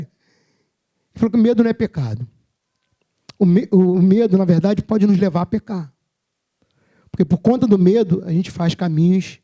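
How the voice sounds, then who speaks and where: A man's voice: sits high, warm tone. A Brazilian man preaching a sermon at a church service, telling personal stories in a humorous, self-mocking, conversational way.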